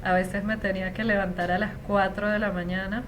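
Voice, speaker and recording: Speaking Venezuelan Spanish, this thirtysomething Spanish teacher is a guest in a casual interview, talking chattily and reflectively with frequent fillers. Her medium-pitched delivery is flat and a little fast, and some hiss or hum can be heard.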